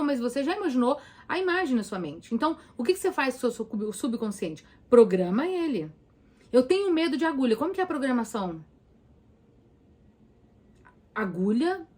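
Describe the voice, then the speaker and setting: A woman therapist with a Brazilian Portuguese accent, talking casually and emphatically to viewers and asking them direct questions. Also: a little high. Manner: emphatic, speaks straight to the listener with rhetorical questions. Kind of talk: casual talk to viewers about anxiety.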